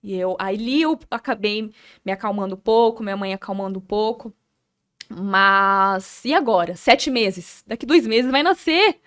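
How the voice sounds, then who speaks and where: A young adult woman with a Brazilian Portuguese accent, a podcast guest telling her personal story earnestly, halting and repeating words as she recalls. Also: medium pitch, fairly bright tone.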